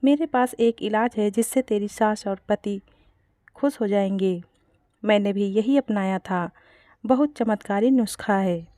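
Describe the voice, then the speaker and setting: A woman's voice: medium pitch, a little slow, dark tone, no room sound, studio quality, lightly acted. A woman voicing a sly neighbor woman. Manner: sly, teasing.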